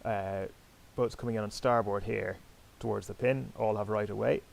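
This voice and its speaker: A man hosts and commentates online sailing races live over a sailing game, talking straight to his viewers in a chatty, self-deprecating way. His voice is on the low side with vocal fry, a steady tone, and normal speed, though the audio quality is poor.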